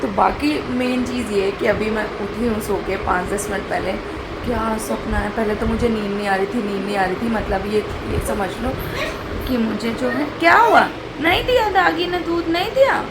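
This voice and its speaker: A woman's voice: medium pitch, steady tone, moderate pace, heavy background noise. A young woman talking casually through a home vlog, chatty and rambling as she explains her day. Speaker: vlogger.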